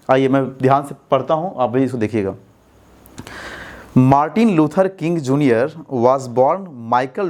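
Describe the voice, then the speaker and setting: Indian guy going through english test answers, keeps asking the class if its clear. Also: mid-range voice, a little mellow. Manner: explains step by step, asks students rhetorical checks. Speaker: English teacher. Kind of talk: exam-prep lesson explaining answers.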